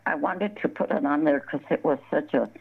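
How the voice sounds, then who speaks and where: An older woman from southern Colorado, an embroidery artist appearing as a guest, tells stories in a casual interview over a tinny phone line. Her low voice is brisk and husky, and she rambles, restarts words and laughs often.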